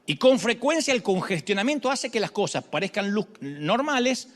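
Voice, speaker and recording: A middle-aged man preaching a sermon, dramatic, moving from shouts to hushed lines, with humorous asides. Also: high-pitched, very animated, normal speed, big-room sound.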